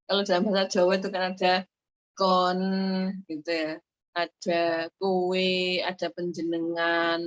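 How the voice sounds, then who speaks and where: A woman's voice: lowish voice, no echo. A woman giving an online sermon as a religious teacher, explaining her points patiently and rephrasing them often. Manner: explanatory, repeats and rephrases points, frequent fillers. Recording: dull muffled lo-fi audio.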